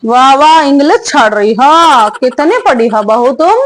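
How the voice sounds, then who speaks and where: A woman's voice: high voice, expressive, a little slow. A woman voicing a nagging, sarcastic older mother-in-law in a comedy skit, scolding and taunting.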